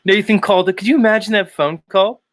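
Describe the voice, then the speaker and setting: A man's voice: sits high, quick pace, a bit bright, no room sound. A man hosting a casual livestream, talking crudely and mockingly and laughing often. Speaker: streamer host.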